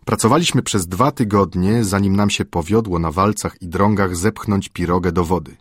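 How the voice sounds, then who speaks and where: A man reading an audiobook chapter in a measured, old-fashioned storytelling manner. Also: sits low, husky, dry recording, clean studio sound. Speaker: audiobook narrator. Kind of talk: scripted audiobook narration.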